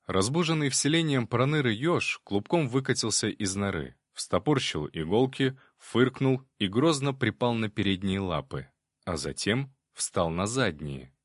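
A man with a lowish voice narrates an audiobook in a calm, measured way. His delivery is lively in pitch, and the recording is dry and close. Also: no room sound. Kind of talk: scripted narration.

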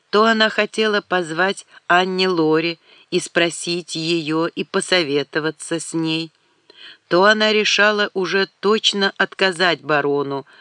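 A woman reading a novel aloud in a measured, even narration. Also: sits low, no room sound. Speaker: audiobook reader.

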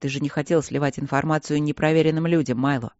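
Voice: mid-range voice, brisk, warm tone, clear, resonant tone, no room sound, highs cut off, lightly acted. An audiobook reader voicing a reserved male officer who speaks with restraint. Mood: restrained.

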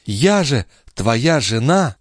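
A man voicing Lorenza, a passionate, sorrowful young clairvoyant wife, in a high, imploring, tearful tone in an audiobook reading. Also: big pitch swings, takes it slowly, no room sound, studio quality. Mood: pleading.

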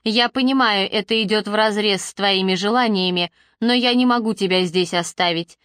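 A woman voicing a calm, firm young man who speaks steadily and insistently in a storybook reading. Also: mid-range voice, normal speed, clean tone, no room sound, studio quality, natural voice.

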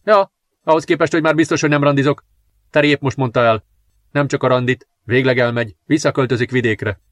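A man's voice: mid-range voice, steady tone, no room sound, natural voice. A man voicing an eager teenage boy in a story reading.

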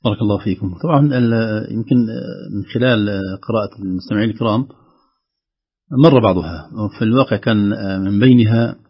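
A man teaching Quran recitation on the radio, explaining carefully and demonstrating words slowly. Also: lowish voice, breathy edge. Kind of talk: instructive radio discussion. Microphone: studio microphone. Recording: slightly dull radio studio sound.

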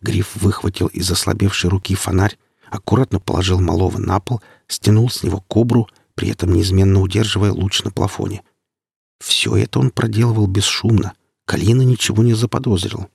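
A man narrates an audiobook in a steady, measured way. His voice is deep and gravelly, with a husky edge. The sound is dry and close. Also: no echo.

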